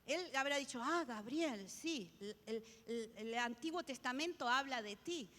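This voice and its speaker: A woman's voice: sits high, lively intonation, unhurried, fairly bright tone, in a large hall. A woman pastor preaching a sermon, emphatic and repetitive, often restarting her words. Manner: emphatic, repeats key phrases, many restarts.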